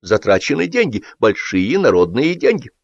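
A man's voice: mid-range voice, sing-song, normal speed, vocal fry, no echo, lo-fi sound, voice pushed up. A man reading an audiobook, voicing an effusive, fawning male film director who talks in gushing exclamations. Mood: indignant.

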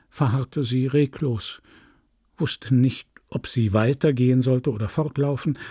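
A man reading a classic novel aloud as an audiobook narrator, measured and expressive. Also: medium pitch, no echo, clean studio sound. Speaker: audiobook reader.

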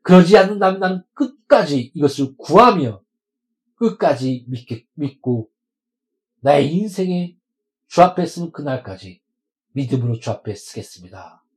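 A man's voice: on the high side, very animated, normal speed, poor audio. A male pastor preaching a sermon to his congregation, emphatic and stretching words out for stress.

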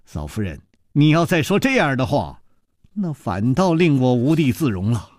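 A man's voice: mid-range voice, very animated, normal speed, darkish tone, no room sound, clean studio sound, lightly acted. A man voicing a gracious, modest male swordsman hero who laughs easily as he talks, in a storytelling performance. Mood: easygoing. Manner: easy laughing asides.

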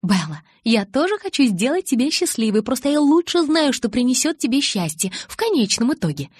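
A woman doing an excitable, wheedling young vampire girl. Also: fairly quick, slightly rough, dry recording, heavily acted. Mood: eager, insistent. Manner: excitable, wheedling, high and emphatic. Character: bubbly pleading young female vampire.

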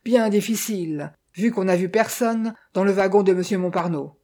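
A reader voicing a rustic village innkeeper from a detective novel, a man who exclaims and doubts, with a husky voice. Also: medium pitch, normal speed, darkish tone, voice pushed up, natural voice. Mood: puzzled. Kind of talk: audiobook character reading.

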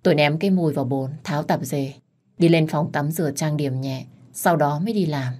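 Woman narrator, low voice, firm, first-person story. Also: fairly quick, mellow. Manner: cold and firm.

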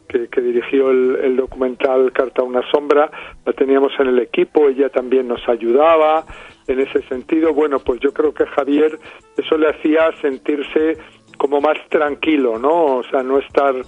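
A middle-aged man from Spain with a Spain Spanish accent, a film director answering radio interview questions thoughtfully, often pausing and restarting. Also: medium pitch, no room sound. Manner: thoughtful, frequent hesitations and restarts. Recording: dry, tinny phone line.

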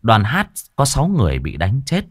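Male ghost story narrator, low and expressive, dry close mic, faint music bed. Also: brisk, no echo. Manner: dramatic, expressive pacing.

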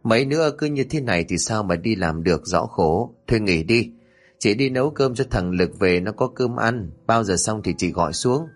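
A man's voice: fairly low pitch, animated, moderate pace. A man voicing a chatty, fussy older village woman who frets and wonders aloud. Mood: puzzled.

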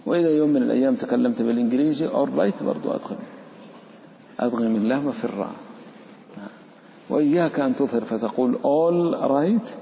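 Gravelly, dark-voiced sheikh teaching recitation. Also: male voice, medium pitch, fast talker, long pauses, slight background noise. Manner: stretches out example words, asks students questions. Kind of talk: classroom explanation of tajweed verses. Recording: roomy, echoey lo-fi hall recording.

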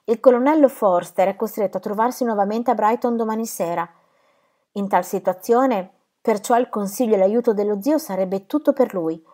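A woman's voice: mid-range voice, normal speed, warm tone, close to an everyday voice. A woman reading aloud a letter from a worried young woman, in an earnest and anxious tone.

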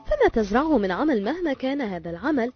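A woman voicing a gentle, patient father who calmly explains a life lesson to his son in a told story. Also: fairly high pitch, quick pace. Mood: teaching. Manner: calm, explaining. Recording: lo-fi with faint music.

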